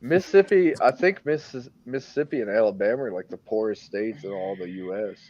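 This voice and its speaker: A man's voice: lowish voice, fairly quick, a little mellow, no echo. A man who drives trucks, chatting casually and rambling with lots of "like" and frequent laughs. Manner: rambling, heavy on "like", laughs often. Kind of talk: casual group chat. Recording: dull lo-fi recording.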